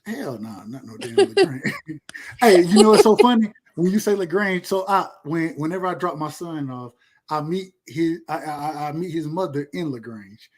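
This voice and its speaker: Man, 30s, fairly high voice, loose rambling podcast host talk. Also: sing-song, moderate pace. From Georgia, USA. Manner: laid-back, boastful, rambling with repeats. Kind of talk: casual chat.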